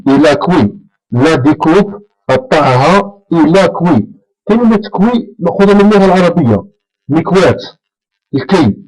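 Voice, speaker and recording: Man teaching French vocabulary, fairly high voice. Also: a little mellow, rough recording. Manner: slow, drawn-out call-and-repeat drilling. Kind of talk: explaining French vocabulary in Arabic.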